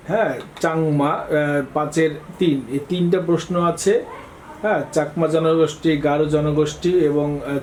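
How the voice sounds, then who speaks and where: A man teaching an exam-prep lesson, reading out quiz questions and answering each one briskly, often prompting students to look. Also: fairly high pitch, a little mellow, slight background noise, poor audio.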